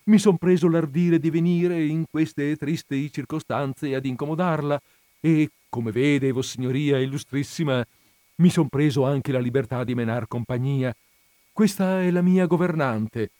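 A man's voice: on the high side, a little slow, warm tone, no echo, voice pushed up, natural voice. A man voicing a timid, fretful elderly village priest who scolds in a frightened hiss and fawns on his betters, in a dry recording. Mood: anxious, obsequious.

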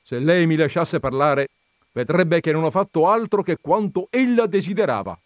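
A man voicing a calm but stubborn male visitor, pressing his questions emphatically while reading a comic story. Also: fairly high pitch, normal speed, no echo, clean studio sound, pitched above the performer's own voice, lightly acted. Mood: insistent.

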